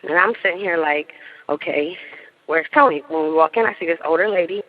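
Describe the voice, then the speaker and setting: A woman's voice: fairly low pitch, fast, phone-quality sound. A woman in her thirties telling a story in casual chat, laughing often and acting out what people said. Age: 30s. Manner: animated, laughs often, acts out quotes. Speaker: interviewee.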